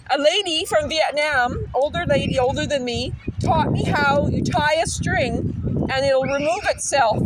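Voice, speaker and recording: Sixties woman, rambling and giggly, high voice, outdoor noise in the recording. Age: 60s. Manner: rambling, laughs often, chats to her dogs. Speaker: vlogger talking to children. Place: outdoors with dogs.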